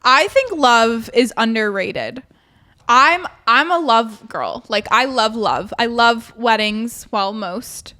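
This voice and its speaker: A woman's voice: animated, slow, pushed and bright. A woman chatting casually as a show co-host, with gushing, emphatic millennial girl-talk full of filler slang. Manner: millennial girl-talk, peppered with "like", "literally", "low-key". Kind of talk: casual chat.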